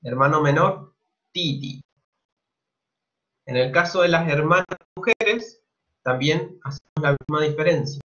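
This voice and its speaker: Slow, patient male Chilean language teacher. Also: on the high side, sharp tone, dull audio. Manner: slow, patient, repeats each word twice. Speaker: Mandarin teacher. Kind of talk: online language lesson.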